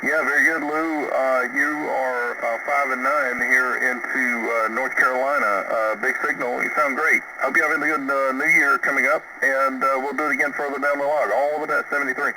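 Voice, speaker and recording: A man's voice: mid-range voice, fairly even intonation, moderate pace, few pauses. A man working as a ham radio operator, taking calls over a shortwave radio with an easygoing manner and lots of "uh" fillers, spelling call signs phonetically. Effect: voice heard over a shortwave radio receiver. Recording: noisy, distant shortwave radio reception.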